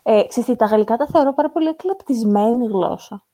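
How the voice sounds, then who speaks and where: A woman co-hosting a podcast in casual chat, talking in a chatty, animated way. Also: fairly high pitch. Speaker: podcast co-host.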